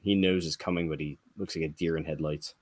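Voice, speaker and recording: A man's voice: a bass voice, fairly even intonation, fairly quick. A man co-hosting a casual sports podcast, talking directly and quizzing the others. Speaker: podcast co-host.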